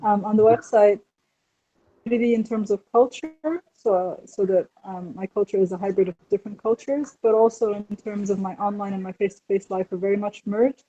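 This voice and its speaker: A woman's voice: mid-range voice, steady tone, dark tone. A woman from Egypt, a faculty developer, joining a session remotely by video call and chatting in a friendly way. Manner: quick, friendly, laughing asides. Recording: dull remote call audio.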